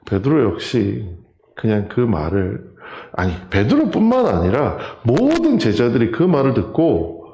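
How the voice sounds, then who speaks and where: A man preaching a sermon in a church, his pitch leaping high and low as he acts out the voices of the people in his story and puts questions to the congregation. His voice rings through an echoey sanctuary. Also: huge pitch swings, unhurried, warm tone. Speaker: pastor.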